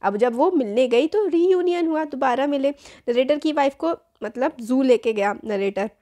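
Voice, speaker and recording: A young woman talks through a school chapter in a relaxed teaching tone. Her voice sits high, and she keeps rephrasing to make each point clear. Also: normal speed. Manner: explains in Hindi mixed with English terms, rephrases with "matlab". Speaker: teacher, channel host. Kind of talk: casual explanatory lesson.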